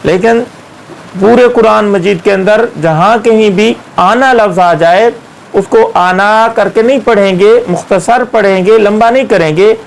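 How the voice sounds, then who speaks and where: Male teacher, high register, unhurried delivery, patient syllable-by-syllable drilling. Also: gravelly, poor audio. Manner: patient, drawn-out syllable-by-syllable spelling. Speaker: Quran reading teacher. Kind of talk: slow step-by-step recitation lesson.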